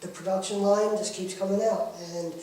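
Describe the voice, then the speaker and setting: A man's voice: high-pitched, steady tone, normal speed, mellow, slight background noise. A man chatting casually and informally in an interview, promoting a wrestling show, with frequent filler phrases. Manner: talkative, informal, repeatedly saying "you know". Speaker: independent wrestling worker being interviewed. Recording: very echoey room, distant mic.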